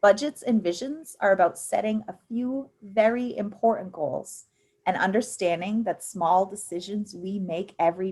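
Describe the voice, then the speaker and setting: A woman's voice: medium pitch, darkish tone. An encouraging woman in her thirties walks young people through an online workshop. Her talk is upbeat and loose, dotted with ums, and it comes through a computer mic on a video call. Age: 30s. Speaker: financial literacy presenter.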